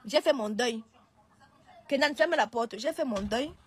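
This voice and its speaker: Lady on a live stream, high voice, keeps restarting her sentences. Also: unhurried, a little hiss or hum. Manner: hesitant, restarts and pleads. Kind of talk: casual live-stream talk.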